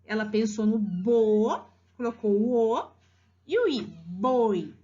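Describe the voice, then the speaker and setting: A woman with a Brazilian accent explaining children's writing levels to parents as a teacher, stretching words slowly syllable by syllable. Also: fairly high pitch. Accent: Brazilian Portuguese. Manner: lively, drawn-out slow spelling of syllables. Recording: slightly dull lo-fi recording.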